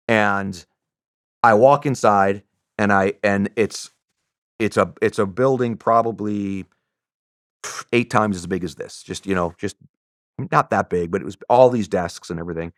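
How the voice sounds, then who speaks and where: A middle-aged man, a former special operations soldier, telling a story as a podcast guest in a lively, animated way, with many restarts and acted-out voices. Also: fairly low pitch, no room sound, studio quality.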